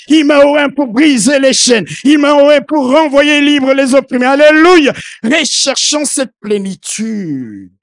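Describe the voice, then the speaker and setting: Shouting hallelujahs, a middle-aged bishop moves from soft asides to booming proclamations in a passionate sermon. His voice is very high-pitched, and he isn't a native speaker of the language, nor is French his first language.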